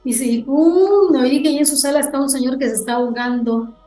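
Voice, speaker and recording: A fairly high-voiced woman tells a ghost story to her podcast hosts. She tells it with animation and acts out every line of dialogue she quotes, and her voice rings in an echoey room. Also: a little fast, warm tone, soft background music. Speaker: guest.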